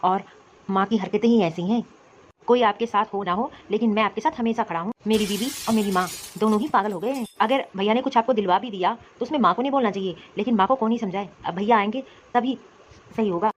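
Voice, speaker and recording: A woman voicing a young man, a kind and supportive brother-in-law, with a gentle, reassuring manner. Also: medium pitch, fast, slight background noise, close to an everyday voice. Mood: consoling. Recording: slightly muffled lo-fi sound.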